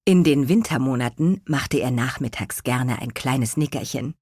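A woman reading a children's audiobook as narrator, lively storytelling. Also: rumbling low, moderate pace, husky, no echo, studio quality. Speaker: audiobook reader.

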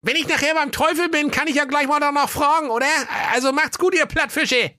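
A man voicing a cheeky, swaggering male schnitzel hero in a brash, mocking falsetto, for a comic storybook tale. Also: fairly even intonation, fairly quick, pushed and bright, dry recording, clean studio sound.

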